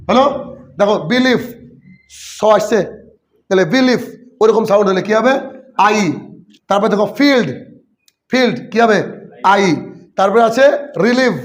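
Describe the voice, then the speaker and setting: A man teaching spelling rules in an exam-prep lesson, asking his students questions and answering them himself. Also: sits high. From West Bengal, India. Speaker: English teacher.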